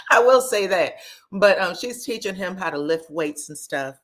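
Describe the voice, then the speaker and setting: A woman hosting a livestream recap of reality TV greets viewers by name in a relaxed, chatty way. Her medium-pitched voice is expressive and fairly bright, slightly scratchy, and unhurried.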